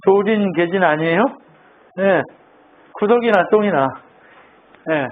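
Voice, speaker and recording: Speaking slowly in a high voice, this male pastor delivers a conversational, playful sermon, teasing his congregation and putting questions to them. The recording sounds tinny and phone-like, with a bit of noise.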